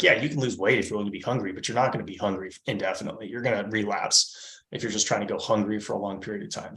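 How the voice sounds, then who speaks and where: A man's voice: on the low side, fairly bright tone, echoey room. A man in his thirties, a fitness coach talking in a podcast interview, explaining emphatically and checking in with "right?". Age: 30s.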